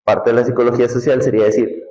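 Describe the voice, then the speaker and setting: A man with a northern Mexican accent teaching a class in a classroom. He talks in a relaxed, conversational way, explains step by step and often checks in with the students. His voice sits at an ordinary middle pitch. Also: racing, rough recording. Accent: northern Mexican, Nuevo León. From Nuevo León, Mexico. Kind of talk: classroom lecture.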